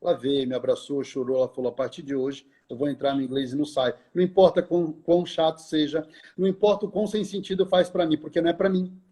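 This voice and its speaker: A middle-aged man, a lecturer, telling a story in conversation in an animated way, acting out the dialogue and often speaking to the host by name. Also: fairly high pitch, fast, slightly rough.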